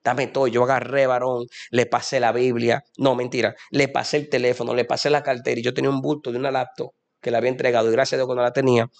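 A man's voice: medium pitch, flat delivery, quick pace, creaky, hardly any pauses. A young man telling a fervent religious testimony in a preachy way. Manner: preachy, fervent, addresses listener as "amado". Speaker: guest giving a testimony.

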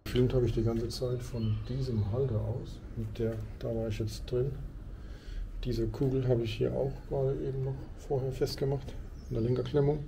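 A motovlogger with a mellow, medium-pitched voice talks at normal speed with little pitch movement and some vocal fry. He casually explains his motorcycle gear hands-on while riding outdoors and working in his garage. His helmet camera mic also picks up road and engine noise.

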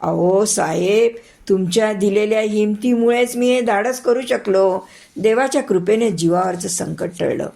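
Woman doing jumpy driver guy, respectful, slow gravelly reading. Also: mid-range voice, warm tone. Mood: grateful. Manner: anxious, deferential. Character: loyal male driver, anxious and respectful.

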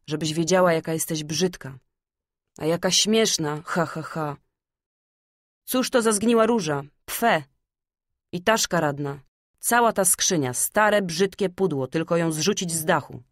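A woman's voice: on the low side, animated, measured pace, no room sound, studio quality. A woman voicing a spiteful young boy with a cold heart, talking in a mocking, contemptuous way in a storybook reading.

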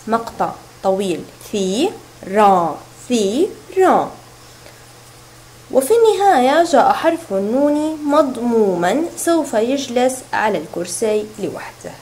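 Teacher lady reading a lesson to little kids, sounds out each syllable, high and bouncy voice. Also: darkish tone, rough recording. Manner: slow and clear, sounding out syllables. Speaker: kindergarten teacher. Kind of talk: recorded reading lesson for young children.

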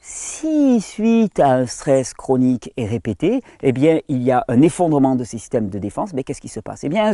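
Man, French speaker, casual explainer, restarts a lot, mellow tone, dry sound. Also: on the high side, dry recording. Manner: talks to viewer as "tu", hesitant restarts, reads study titles in halting English. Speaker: health channel host. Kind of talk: explanatory monologue.

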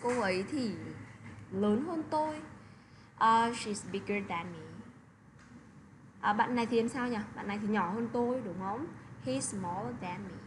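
A woman's voice: mid-range voice, background noise. Woman teacher explaining, always checking in. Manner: keeps checking with tag questions. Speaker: English teacher. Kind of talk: online lesson explanation.

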